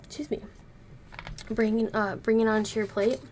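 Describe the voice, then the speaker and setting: A woman reading tarot cards for her viewers in a casual, unhurried way, her voice a little hoarse from being sick, speaking slowly and gently to spare it. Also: fairly high pitch, steady tone, a little hiss or hum. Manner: slow, gentle, careful with her voice. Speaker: tarot reader.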